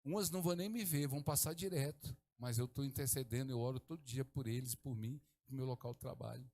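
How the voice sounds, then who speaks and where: A middle-aged man from Brazil, preaching a sermon as pastor, swinging from hushed to exclaiming. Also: mid-range voice, fast.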